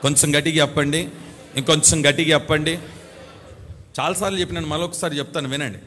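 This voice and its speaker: Male pastor, sermon, high-ish voice, dramatic emphatic delivery, long church-hall reverb. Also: fairly even intonation, fast talker, slight background noise. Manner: dramatic storytelling, building to loud emphatic exhortation.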